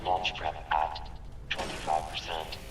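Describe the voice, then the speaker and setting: A man voicing a stern facility security computer, giving flat formal status announcements through a robotic filter. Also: rumbling low, a little slow, noisy background. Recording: echoey distant game audio with music.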